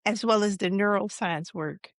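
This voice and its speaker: A woman host leads a podcast interview in a warm, affirming way and sprinkles in a few "um"s. Her voice sits in a middle range, recorded close and dry. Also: medium pitch, normal speed, no room sound.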